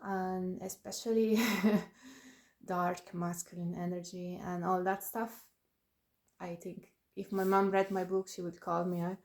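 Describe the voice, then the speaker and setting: Woman vlogger, warm mellow voice, chatty and laughing, talking about her book. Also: fairly low pitch, flat delivery, unhurried. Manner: chatty, laughs often, self-deprecating asides. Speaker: author presenting her book. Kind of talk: casual talk to camera.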